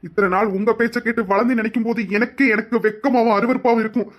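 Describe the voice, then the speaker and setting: A performer voicing a protective young husband in an audio drama, stern and forceful, issuing warnings. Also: medium pitch, little pitch movement, quick pace, lightly acted. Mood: angry. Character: furious young husband defending his wife. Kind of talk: amateur Tamil audio drama.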